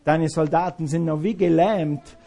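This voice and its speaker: A bold apostle who calls out to his jailer, raising his voice well above a normal speaking level. The exclamations come loud and emphatic, with a dark, mellow tone, as a preacher acts him out. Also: high voice, measured pace, pitched above the performer's own voice. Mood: taunting. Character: male apostle, taunting or urging, bold.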